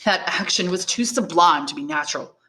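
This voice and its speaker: A woman reads aloud as a learned old prisoner priest from a classic novel, her voice fairly low, bright, and forceful. He asks probing questions and explains in measured, deliberate steps, weighing each point shrewdly like a patient tutor, with kindly wisdom underneath.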